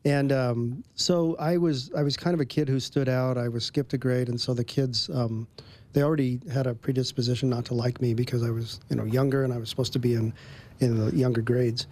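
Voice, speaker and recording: Husky-voiced man telling a story. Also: mid-range voice, fairly quick. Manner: relaxed storyteller, frequent ums, chuckles between phrases. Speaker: guest. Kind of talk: personal storytelling.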